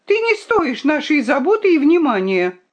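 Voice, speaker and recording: Sly she-fox, languid and fond, lively pitch, voiced by a woman reader. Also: moderate pace. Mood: angry. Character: sly but tender female fox.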